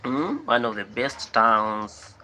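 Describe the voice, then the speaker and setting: A man's voice: mid-range voice, expressive, takes it slowly, bright, forceful tone, slight background noise. A man from Kenya with a Kenyan accent, chatting casually to a viewer and repeating his questions over and over. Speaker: vlogger.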